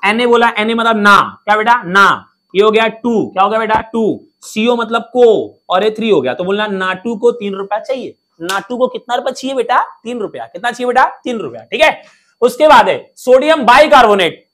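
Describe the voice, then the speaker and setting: A man teaching a lesson in a playful, energetic way, quizzing students with call-and-response questions and cracking jokes. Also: very high-pitched. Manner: jokey, drops rhymes and mnemonics.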